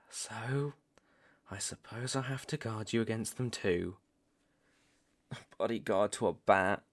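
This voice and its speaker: Wry and resigned, a British man with a voice on the low side plays a stern young vampire hunter for an ASMR roleplay. The character is menacing but grudgingly protective, and the delivery includes deliberate pauses and sighs.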